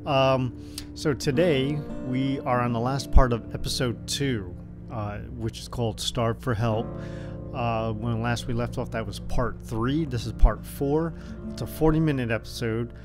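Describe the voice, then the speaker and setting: A man's voice: fairly even intonation, a little slow, over music. Casual man, vibrating overloaded-mic sound. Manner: joking, flippant. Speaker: gaming video host. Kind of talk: casual let's play commentary. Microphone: mic with input set too high. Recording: mic input too high, vibrating voice.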